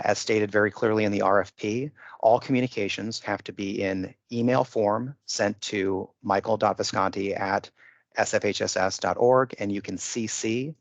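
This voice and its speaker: With a fairly low, gravelly voice and no room sound, a man runs a bid conference call as a procurement official. He lays out the procedures formally and methodically, insisting on the rules, over muffled, dull conference-call audio.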